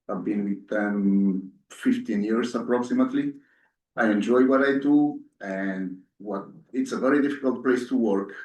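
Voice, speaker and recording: A man's voice: on the low side, lo-fi sound. A man born in Ethiopia and raised in Italy, a candidate giving an earnest, hesitant speech full of fillers at a community meeting. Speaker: board candidate. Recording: echoey room, voice from far off.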